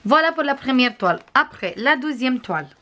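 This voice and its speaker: A woman crafts vlogger with a non-native accent, casually reviewing and showing items to the camera, often pausing with hesitations. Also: sits high, lively intonation, pushed and bright. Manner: chatty, frequent hesitations, shows items to camera.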